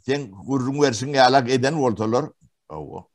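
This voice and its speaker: A man from Turkmenistan giving testimony in an interview, talking haltingly with many pauses and fillers. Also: medium pitch, animated. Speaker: witness interviewee.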